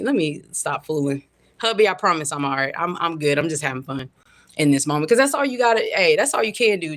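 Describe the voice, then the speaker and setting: A woman's voice: on the low side, a bit bright. A woman from Florida, ranting casually and profanely on a home livestream, rambling and talking straight to her chat. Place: at home by a window.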